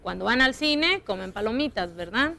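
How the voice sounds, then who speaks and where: A young woman teaching a primary school lesson on television, patient and slow, stretching out example sentences to show how they sound. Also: on the high side, animated, gravelly, bright, forceful tone.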